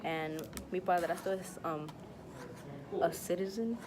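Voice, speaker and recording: A young woman with a low voice answers interview questions slowly, pausing with frequent fillers and sliding between Spanish and English. Loud noise fills the background of the recording. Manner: hesitant, many ums and likes.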